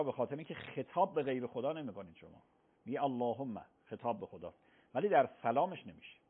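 A man's voice: medium pitch, breathy edge. A man, a cleric, patiently explaining religious rulings on a radio call-in show, often affirming with repeated yeses. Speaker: cleric answering religious questions. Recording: phone-like radio broadcast sound.

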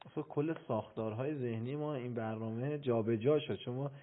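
A man hosting a radio talk show, cutting in briefly to comment to his guest. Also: mid-range voice. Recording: phone-like radio sound, off-mic.

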